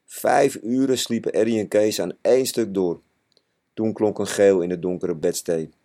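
Man reading a storybook in a low mellow voice. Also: steady tone, normal speed. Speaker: narrator.

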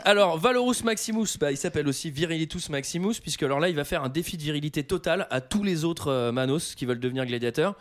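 Animated, jokey man. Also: fairly high pitch, fast, hardly any pauses. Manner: animated, jokey retelling with frequent laughter. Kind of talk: casual chat.

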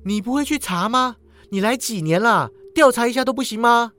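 A man doing a sharp, cold swordswoman. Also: sits high, lively intonation, a little fast, voice pushed up. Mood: angry. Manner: clipped, accusing, cold. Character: sharp, ruthless young swordswoman. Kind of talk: storybook character voice.

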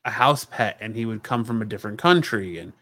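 A man's voice: lowish voice, animated, brisk, a bit bright. Podcast cohost guy, rambly, lots of you-knows, casual review chat. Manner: rambling, searches for words, frequent "you know".

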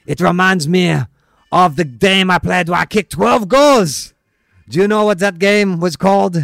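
A man's voice: sits high, a little slow, gravelly, a bit bright, dry recording, clean studio sound, pitched above the performer's own voice, exaggerated voice. A man voicing a pompous, crude, worldly ex-footballer with a grandiose manner. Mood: smug. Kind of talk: comic character phone bit.

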